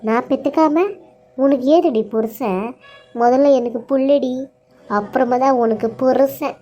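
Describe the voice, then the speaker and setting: A woman's voice: unhurried, mellow, highs cut off. A woman voicing a scheming, cruel middle-aged mother-in-law in a cartoon serial, scolding and wailing dramatically. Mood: taunting. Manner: scolding, dramatic wailing, low plotting asides.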